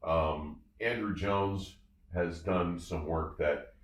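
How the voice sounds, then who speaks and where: A deep-voiced man takes his time as he reviews audio gear, hosting a show with casual, enthusiastic product talk that's emphatic, effusive and full of repeated phrases. The recording is roomy, with the mic somewhat distant.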